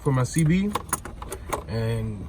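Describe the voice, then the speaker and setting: A slow-talking American man with a mid-range voice and big swings in pitch chats informally, full of slang, while showing a DIY car install for his vlog. He's in or around a vehicle, and the recording picks up clear background noise and vehicle ambience.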